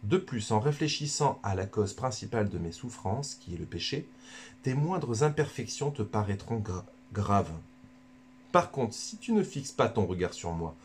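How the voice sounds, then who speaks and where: A man's voice: fairly low pitch, a little hiss or hum. A man reading as solemn Jesus. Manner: elevated, declamatory reading with mock accent. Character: solemn male Jesus addressing a disciple.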